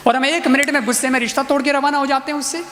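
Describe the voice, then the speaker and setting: A man's voice: very high-pitched, steady tone, rapid-fire, bright, forceful tone, slight background noise. A man preaching a storytelling sermon, talking conversationally and asking the audience rhetorical questions. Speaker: preacher at a religious discourse. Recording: long reverb hall with faint music.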